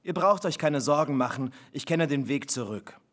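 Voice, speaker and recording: A man's voice: a little high, animated, normal speed. Man reading a jaunty father, defiant, matter-of-fact. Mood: amused. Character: cheerful defiant father, middle-aged man.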